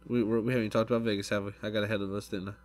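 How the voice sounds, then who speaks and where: Man, podcast host, low voice, rambling, casual chat. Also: little pitch movement, very fast, soft background music. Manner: rambling, restarts his sentences often.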